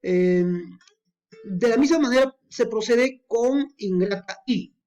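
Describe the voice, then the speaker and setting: A woman's voice: on the high side, takes it slowly, dark tone, highs cut off. A woman teaching a lesson on poetic meter, explaining patiently with frequent fillers and worked examples.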